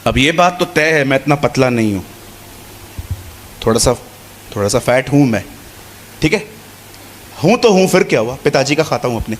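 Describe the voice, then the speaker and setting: A man's voice: medium pitch, animated, normal speed, long pauses, slight background noise. A man preaching a sermon to a congregation in a conversational way, repeating phrases and acting out little dialogues. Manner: conversational Hindi preaching with repetition and quoted dialogue.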